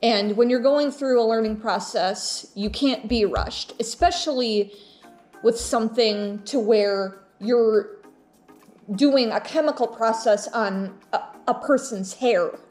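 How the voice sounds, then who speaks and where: Slow-talking young woman vlogger, higher voice. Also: a little mellow, faint music behind. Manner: halting, repeats words and phrases. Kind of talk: casual chatty personal storytelling.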